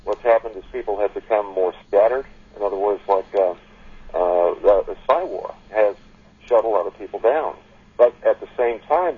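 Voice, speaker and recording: A man calling in to a panel, talking haltingly with many restarts. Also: fairly low pitch. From United States. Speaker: panel caller. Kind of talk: casual call-in discussion. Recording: husky voice over a tinny phone line.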